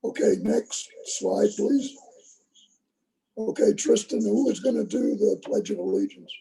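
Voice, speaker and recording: A hoarse troop leader runs an online meeting from a tablet. His voice is rough and gravelly, deep in texture yet often high-pitched. He speaks patiently and makes sure the kids can follow him. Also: unhurried, mellow, poor audio. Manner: patient, instructive, checks that he is understood. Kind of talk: leading an online youth meeting. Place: video call. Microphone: tablet on a video call.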